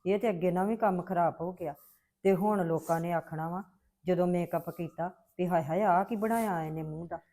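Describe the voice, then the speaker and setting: A woman's voice: sits high, moderate pace, natural voice. An actress playing a well-meaning, flustered mother. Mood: consoling. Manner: flustered, defensive. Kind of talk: web drama acting.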